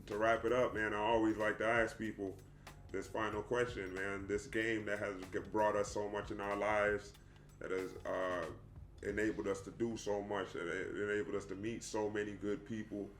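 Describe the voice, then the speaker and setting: A man's voice: lowish voice, flat delivery, normal speed, slight background noise. A young adult man hosting a casual interview, laid-back and slangy, calling his guest "bro". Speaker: podcast host. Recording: echoey room.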